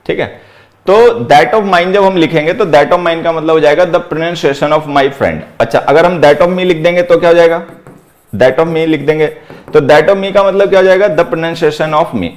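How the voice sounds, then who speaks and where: Man teaching grammar, slightly high voice. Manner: explains step by step, repeating key phrases; slows right down to dictate example sentences. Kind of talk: exam-prep grammar lesson.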